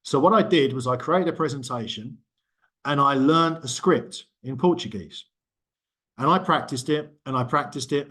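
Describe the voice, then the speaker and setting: The voice is a man's, fairly high and fairly bright: a middle-aged university lecturer holding forth in a casual small group discussion. His talk is loose and punctuated by ums and self-corrections.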